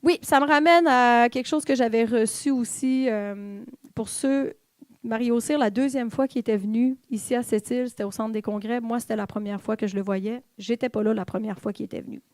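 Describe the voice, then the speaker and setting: A woman's voice: fairly high pitch, brisk, a little mellow, no room sound. A woman with a Québécois accent giving a personal testimony sermon to a church, candid and confiding as she speaks straight to the congregation. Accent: Québécois French. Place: church in Quebec.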